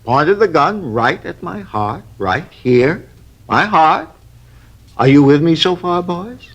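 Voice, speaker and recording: In the style of a 1950s radio drama, an actor plays a fussy, long-winded man who witnessed a robbery, grumbling and drifting off topic as he recounts events. His exaggerated voice is a little high and sing-song, delivered slowly through a muffled recording.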